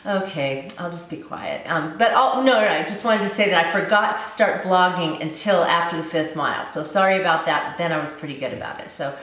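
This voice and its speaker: A woman's voice: lowish voice, brisk, hardly any pauses, a bit bright. Echoey room, woman chatting to vlog. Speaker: vlogger. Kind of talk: casual vlog recap.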